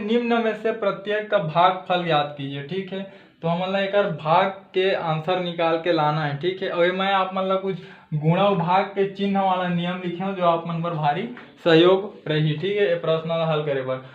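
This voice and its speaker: A man's voice: high voice, roomy sound, dull audio. A man with a Chhattisgarhi accent teaching a math lesson step by step, saying "okay" again and again and answering his own questions. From Chhattisgarh, India. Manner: says "theek hai" constantly, asks and answers his own questions.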